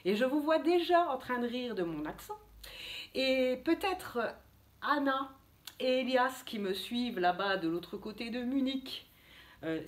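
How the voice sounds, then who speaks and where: A woman teaching a video lesson to young children as a preschool teacher, in a lively, sing-song teacherly way. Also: a little high.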